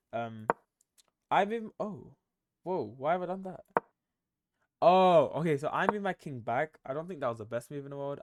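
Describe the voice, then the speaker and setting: A young man walks through his own chess game out loud, hesitant and tired, correcting himself often. His voice sits at an ordinary middle pitch. The recording is close and dry, with no room sound. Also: dry recording. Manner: thinking aloud, hesitant, many ums and self-corrections. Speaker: chess streamer. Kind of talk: casual game commentary.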